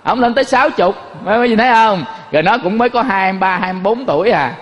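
A man's voice: sits high, animated, rapid-fire, a bit bright, big-room sound. A man giving a folksy Buddhist sermon, telling stories and constantly addressing his listeners. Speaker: Buddhist monk teacher.

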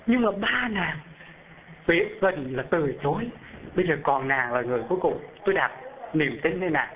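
A man's voice: fairly high pitch, expressive, normal speed, close to an everyday voice. A man voicing a dying old husband who pleads and laments with his wives, heard over a phone-like narrow band. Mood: lamenting.

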